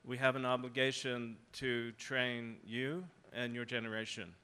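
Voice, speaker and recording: An older male professor speaking on a conference panel in a large hall, measured and persuasive. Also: mid-range voice, level tone, sharp tone, clean tone. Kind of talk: panel discussion.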